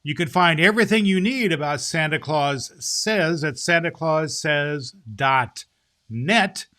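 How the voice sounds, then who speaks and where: A man as kindly, slow-talking old Santa Claus. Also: fairly high pitch, expressive, bright, forceful tone. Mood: kindly, explanatory. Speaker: host of children's story show. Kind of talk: children's show presenting and story reading.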